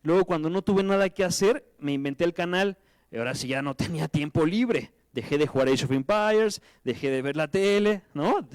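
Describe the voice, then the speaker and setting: Mexican guy, 30s, guest speaker, animated slangy storyteller, light pitch, dry. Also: normal speed, clean tone, no echo. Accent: Mexican Spanish. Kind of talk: conference talk. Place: lecture hall with audience.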